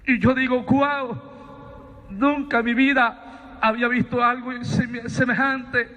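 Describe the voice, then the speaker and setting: High-voiced fervent preacher man, hall reverb. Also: steady tone, takes it slowly, lo-fi sound. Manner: fervent storytelling, addresses listeners as brother. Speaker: evangelist preacher. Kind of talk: testimony sermon.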